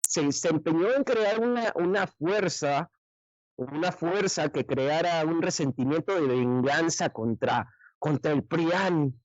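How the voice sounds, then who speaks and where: A man's voice: fairly high pitch, unhurried, no echo, muffled recording. A man giving blunt, slangy political commentary on a radio panel. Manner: blunt and colloquial, full of slang and restarts.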